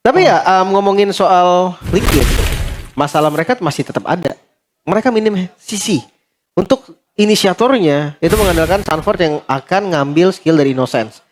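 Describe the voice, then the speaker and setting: A man's voice: high-pitched, lively intonation, normal speed, a little hiss or hum. A man with an Indonesian accent giving live analysis as an esports caster. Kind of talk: live game analysis commentary. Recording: music playing behind the voice.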